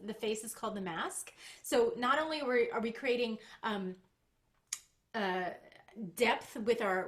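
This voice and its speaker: A woman's voice: a little high, a bit bright. A woman voice teacher coaching a singer in an online master class over a video call, explaining technique with small demonstrations.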